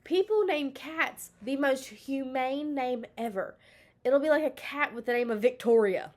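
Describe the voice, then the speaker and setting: A woman's voice: high-pitched, a little slow, a little mellow. A woman with a Southern US accent co-hosting a podcast in casual chat, brash and teasing and cursing freely. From South Carolina. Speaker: podcast co-host.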